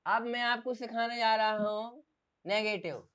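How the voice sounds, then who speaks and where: Clear-voiced teacher drilling a class. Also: male voice, high voice, fairly even intonation, unhurried, bright, forceful tone. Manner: drills by asking and repeating questions. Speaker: English teacher. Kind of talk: classroom grammar lesson.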